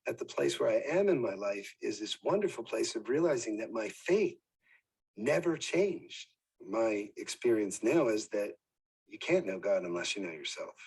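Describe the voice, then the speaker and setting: A man's voice: on the low side, animated, creaky, darkish tone, breathy edge, low-quality recording. Earnest man recounting his faith. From Wildwood, New Jersey, USA. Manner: earnest, halting, drops to near whispers. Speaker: former preacher interviewed in a documentary. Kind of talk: emotional personal testimony.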